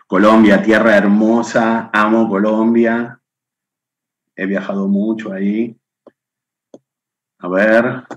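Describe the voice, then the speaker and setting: A middle-aged Argentine man hosts a live online session from a room at home, speaking into his webcam. In a fairly low, level voice with an Argentine Spanish accent, he chats warmly and slowly, leaving long pauses as he greets viewers one by one by name.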